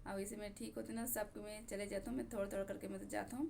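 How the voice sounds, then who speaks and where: A hoarse young woman with a Chhattisgarhi accent talks casually to her viewers in a vlog. Her voice is rough and gravelly with a mid-height pitch. A faint noise hangs behind her. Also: level tone, fast. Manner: chatty, warm greetings to friends. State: hoarse, sore throat. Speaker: vlogger.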